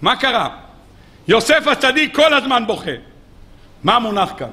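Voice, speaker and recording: A rabbi delivering a weekly Torah sermon, telling stories animatedly and firing rhetorical questions at his listeners. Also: very high voice. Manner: animated storytelling, acting out quoted speakers.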